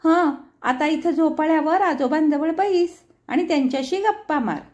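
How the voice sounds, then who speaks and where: Woman doing a young teacher lady in a story, playful and fond, high voice. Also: normal speed, a little mellow, natural voice. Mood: affectionate. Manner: playful, affectionate. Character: warm young woman teacher, gently teasing.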